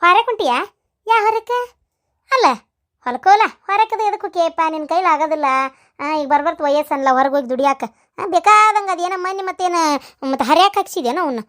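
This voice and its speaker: Woman voicing a shrill grumbling old village woman. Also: animated, fast talker, fairly bright tone. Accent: North Karnataka Kannada. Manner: scolding, complaining.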